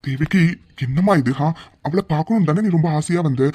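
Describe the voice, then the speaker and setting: A man voicing a calm, soothing middle-aged father in a cartoon. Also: fairly high pitch, fairly quick, breathy edge. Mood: patient. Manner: soothing, patient. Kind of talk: cartoon voice acting.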